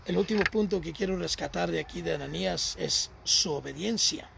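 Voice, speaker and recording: A man's voice: high voice, fairly quick, gravelly, background noise. A man preaching a sermon as a lay missionary, telling a personal testimony and repeating phrases for emphasis.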